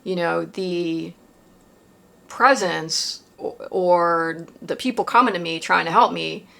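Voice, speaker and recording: A woman's voice: lowish voice, slow pace, gravelly, fairly bright tone. A woman vlogger recounting a personal experience in a casual confessional monologue, rambling with lots of fillers and tag questions.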